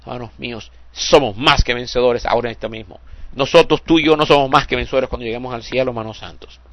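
Give me an older man preaching a fervent sermon, mid-pitched and dry. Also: quick pace, dry recording. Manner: fervent, repeats "hermanos santos" with a soft drop at phrase ends; stumbles and repeats words when moved.

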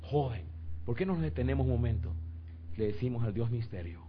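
Impassioned preacher man, dull faint-noise recording. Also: brisk. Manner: swings from calm to loud, high-pitched exclamations; addresses listeners directly, pleading. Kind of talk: sermon with personal testimony. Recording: slightly dull sound with faint background noise.

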